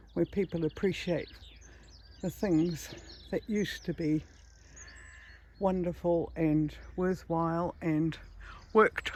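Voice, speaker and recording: Walking along a hilly country road, this woman from New Zealand talks to the handheld camera in a fairly low voice, slightly winded. It's a relaxed, admiring vlog chat, captured outdoors with surrounding noise.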